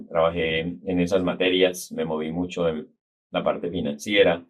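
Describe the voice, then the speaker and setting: A middle-aged business consultant with a Colombian accent from around Cali speaks in a very low, level voice. As an interview guest, he recounts his story casually, unhurried and reflective, as if settling into a long conversation.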